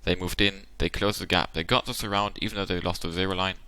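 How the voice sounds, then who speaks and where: A man's voice: deep voice, fairly even intonation, fast talker, sharp tone, clean tone, no echo. A man hosting his channel, giving casual tactical commentary on a game replay. He explains the options at length and thinks aloud, and his voice sounds tired and worn out.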